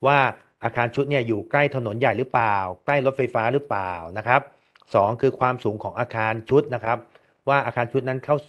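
A man's voice: medium pitch, highs cut off. A man giving a methodical technical lecture on engineering research, politely working through numbered points with frequent hesitations.

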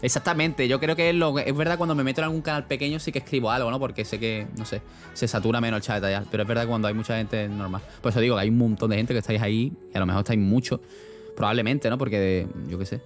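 A man's voice: mid-range voice, fairly even intonation, very fast, soft background music. Rambling young streamer man. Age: young adult. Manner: rambling, slangy, laughs often. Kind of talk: casual chat reading live chat.

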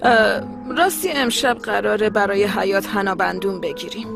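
A woman dubbing the calm, motherly elder of a household. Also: medium pitch, vocal fry, over music, lightly acted.

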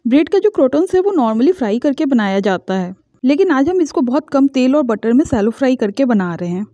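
A woman, the host of a cooking channel, calmly explaining each step of a recipe in a home-kitchen voice-over. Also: high-pitched, brisk, dry recording, clean studio sound. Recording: dull lo-fi voice-over.

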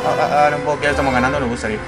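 A man playing a racing game and commenting playfully, yelping and shouting whenever he crashes. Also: medium pitch, very fast. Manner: excitable, yelps and shouts at crashes. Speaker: gameplay commentator. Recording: game music loud behind voice.

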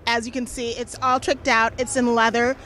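A bubbly, excitable woman hosting an interview on a busy indoor show floor with a handheld mic. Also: a little high, moderate pace, a little hiss or hum. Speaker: host and interviewer. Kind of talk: enthusiastic auto show interview.

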